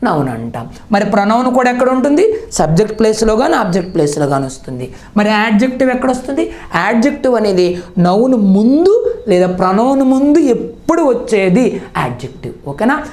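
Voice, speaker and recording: A woman's voice: medium pitch, very animated, a little fast, a little mellow. A woman teacher with a Telangana Telugu accent runs an exam-prep grammar class. She fires questions at the listeners, answers them herself and keeps checking that they follow. Her voice sits in a mid range and carries a roomy, echoing sound. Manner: quizzing, answers own questions, checks with "okay?".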